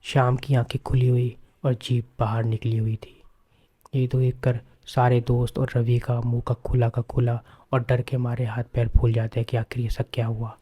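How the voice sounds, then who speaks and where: A man's voice: medium pitch, completely flat delivery, normal speed, warm tone, husky. A man narrating a horror story in a casual, conversational way with repeated filler words.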